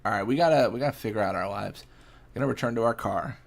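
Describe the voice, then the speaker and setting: Laid-back young man with gravelly voice. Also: lowish voice, fast talker. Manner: laid-back, rambling, reacts to game with mild exasperation; answers chat questions casually. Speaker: streamer. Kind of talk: casual live-stream chat while gaming.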